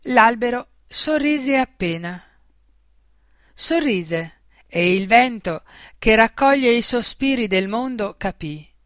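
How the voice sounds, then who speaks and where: Slow, gentle woman reading a storybook. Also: on the high side, no echo, clean studio sound. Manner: gentle, unhurried, expressive.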